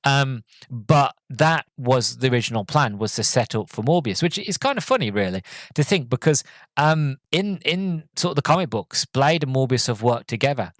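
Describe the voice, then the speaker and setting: Reviewing a film alone on his podcast, a medium-pitched man speaks at a moderate pace on a dry recording. His loose, rambling recap is studded with fillers and restarts, punctuated by abrupt bursts of enthusiasm.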